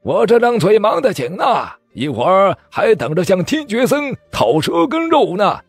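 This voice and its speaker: A man's voice: sits high, sing-song, normal speed, breathy edge, pitched above the performer's own voice, exaggerated voice. A man voicing a mocking male martial rogue in an audiobook, taunting and cackling. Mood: jeering.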